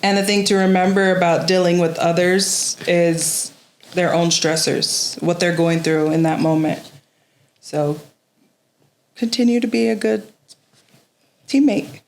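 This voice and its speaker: A woman's voice: fairly low pitch, unhurried, pauses often, roomy sound. Woman host asking probing questions. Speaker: podcast host. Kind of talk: interviewing young players.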